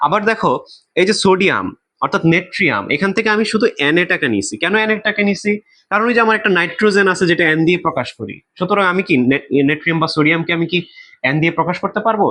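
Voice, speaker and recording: A male chemistry teacher with a Bangladeshi Bengali accent walks students through exam material. His voice sits a little high and swings widely in pitch. He keeps asking questions and answering them himself, repeating the key words. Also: a bit bright. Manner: repeats key terms for emphasis. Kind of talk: exam-prep lesson.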